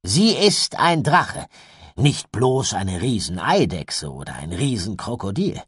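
A man's voice: fairly low pitch, very animated, takes it slowly, a bit bright, breathy edge, no echo, clean studio sound, voice pushed up, exaggerated voice. A man reading an audiobook, voicing a stern, secretive uncle who commands in a raised voice.

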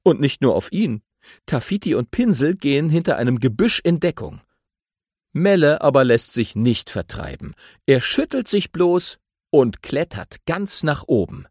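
A man narrating a children's audiobook in an animated storytelling way. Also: mid-range voice, a little slow, husky, dry recording, clean studio sound.

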